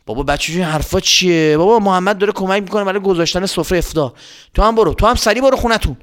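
A man's voice: high voice, fairly bright tone, voice pushed up. A man voicing a grumbling middle-aged father who scolds in a hurry. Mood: impatient. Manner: scolding, hurried.

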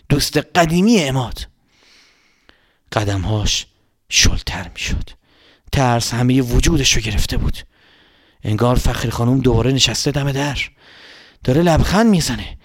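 A man narrating a children's story, expressive and speaking to the kids directly. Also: medium pitch, pauses often. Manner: lively, expressive, addressing children.

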